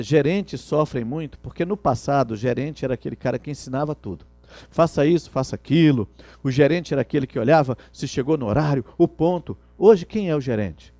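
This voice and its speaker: A man's voice: fairly high pitch, dark tone, no echo. A middle-aged man gives a lecture on customer service, teaching by asking the class rhetorical questions. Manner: didactic, asks rhetorical questions. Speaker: instructor.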